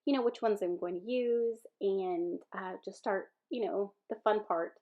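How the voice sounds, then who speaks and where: A woman's voice: mid-range voice, unhurried. Stuffy-nosed Southern woman, chatty craft voice-over, rambling, slightly muffled recording. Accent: Southern American. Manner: chatty, rambling with fillers and self-corrections. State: stuffy-nosed from a sinus infection. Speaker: scrapbooking video creator.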